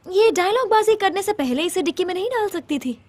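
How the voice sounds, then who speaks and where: A sassy, blunt young student. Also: female voice, extremely high pitch, animated, fairly quick, a little mellow. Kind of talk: Hindi film dub.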